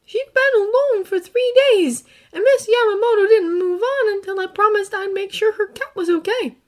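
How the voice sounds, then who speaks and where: A woman voicing an earnest teenage boy who sees ghosts, speaking softly and haltingly in a fan fiction audiobook reading. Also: very high voice, pitched above the performer's own voice. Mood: tender. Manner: soft, halting, emotional.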